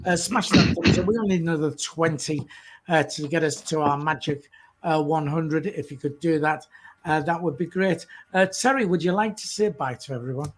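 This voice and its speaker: A man hosting a casual live stream, talking haltingly with many "uh" fillers. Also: a little high. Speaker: host.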